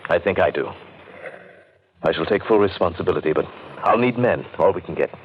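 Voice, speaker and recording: An actor playing an earnest gentleman narrator in an eerie old time radio drama, with measured, literary delivery. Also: deep voice, lively intonation. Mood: grave. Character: earnest gentleman narrator recounting eerie events, increasingly spellbound. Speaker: narrator and lead in a radio play. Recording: muffled, noisy old radio recording.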